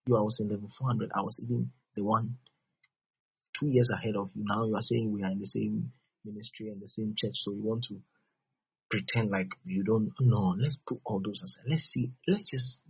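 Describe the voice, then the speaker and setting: West african guy preaching, really husky voice, repeats himself to teach, muffled dry recording. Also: on the low side, fairly even intonation, fairly quick, no echo. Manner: didactic, repeats phrases, checks understanding with the listeners. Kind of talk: sermon.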